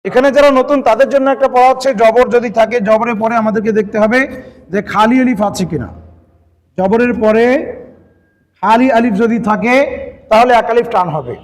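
A man with a notably high voice teaches Quran reading basics, patiently spelling out letters and marks. He repeats each rule and quizzes his listeners. His voice carries a long, hall-like reverb. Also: a little fast, long pauses. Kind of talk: step-by-step recitation lesson.

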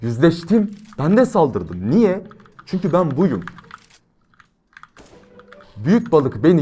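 A young man commentating his gameplay, brash and slangy, switching between loud outbursts and quiet, reflective motivational talk. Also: medium pitch, a little hiss or hum. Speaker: gaming YouTuber.

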